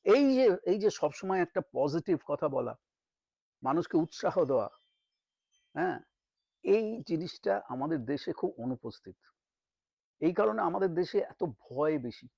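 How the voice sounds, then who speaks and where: Man drilling pronunciation, gravelly voice. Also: fairly high pitch, big pitch swings, a little mellow, dry recording, lo-fi sound. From Bengal. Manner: repeats words slowly to drill pronunciation. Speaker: English teacher. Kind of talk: spoken English lesson in Bengali.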